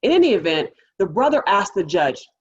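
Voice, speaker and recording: A woman public defender telling a courtroom story to a panel audience, lively and animated, acting out the people she quotes. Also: medium pitch, a little fast, breathy edge, muffled recording.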